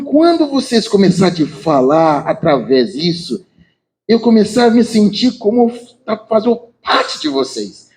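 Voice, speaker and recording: A man from Nigeria with a Nigerian English accent in non-native Portuguese, giving an earnest, halting informal speech as an artist. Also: high-pitched, darkish tone, rough recording. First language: not a native Portuguese speaker. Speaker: visual artist.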